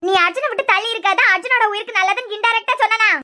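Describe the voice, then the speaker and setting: Lady voicing a nagging cartoon mother-in-law, high and sharp, kanyakumari accent. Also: very fast. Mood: scolding. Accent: Kanyakumari Tamil. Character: harsh middle-aged mother-in-law, accusing and scolding. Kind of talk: cartoon serial voice acting.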